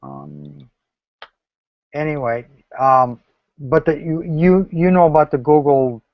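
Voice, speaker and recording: A man's voice: on the high side, lively intonation, takes it slowly, no room sound. Man on a choppy dropping video call. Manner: hesitant, with many restarts and fillers. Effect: choppy video call audio, cutting in and out. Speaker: remote meeting participant. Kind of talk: casual group discussion. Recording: lo-fi, dry video call audio.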